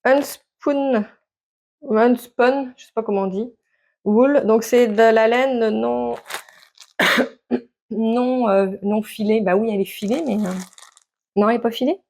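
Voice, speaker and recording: Woman, casual vlog chat, slightly high voice, halting with fillers. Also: steady tone, creaky, a little mellow. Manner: hesitant, many fillers and restarts. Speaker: knitting vlogger. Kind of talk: casual show-and-tell chat to camera.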